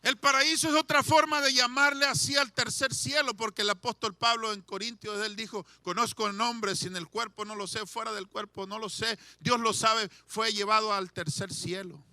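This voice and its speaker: A male pastor preaching a sermon, swinging from shouted declarations to hushed pleading and leading the congregation in call-and-response. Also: sits high, fairly even intonation, moderate pace, hardly any pauses, dry recording.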